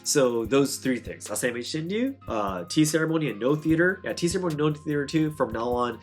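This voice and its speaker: A man's voice: on the high side, expressive, brisk, soft background music. A man in his thirties, hosting a podcast in casual conversation, rambling with lots of fillers and tag questions. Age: 30s. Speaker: podcast host and dojo head.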